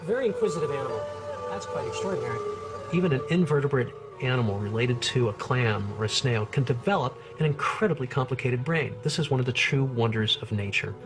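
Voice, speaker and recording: Middle-aged man, scientist, nature documentary interview, enthusiastic, plain-spoken, mid-pitched, music behind. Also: fast talker. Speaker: research scientist, expert interviewee. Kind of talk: informal explanation in a nature documentary.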